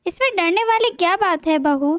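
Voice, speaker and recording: Kind older mother-in-law, read by a woman narrator: gentle, affectionate, very high voice. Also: expressive, normal speed, no room sound, studio quality.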